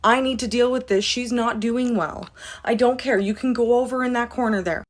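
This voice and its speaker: A woman acting a caring female bartender in a skit, calm and firm. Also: a little high, moderate pace, close to an everyday voice. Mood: urgent. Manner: calm and firm under pressure.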